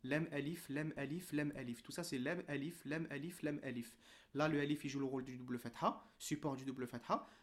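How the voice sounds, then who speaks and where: A man teaching reading in a relaxed, informal way, checking in often and drawing out syllables. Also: a little high. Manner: patient, informal, addresses the learner as tu with frequent "d'accord?" and "ok?"; drawn-out syllable demonstrations. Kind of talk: online lesson.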